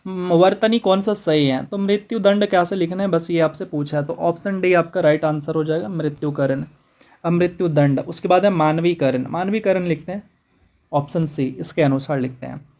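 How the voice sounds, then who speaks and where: A man teaching a spoken exam-prep lesson, brisk and repetitive, calling his students brother. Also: on the high side, darkish tone.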